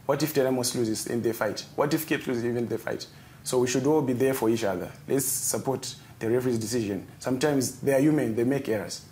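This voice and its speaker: A man's voice: medium pitch, fairly quick, darkish tone, a little hiss or hum. A young man from Zimbabwe, a football club captain, answering interview questions earnestly in a TV studio and repeating words as he searches.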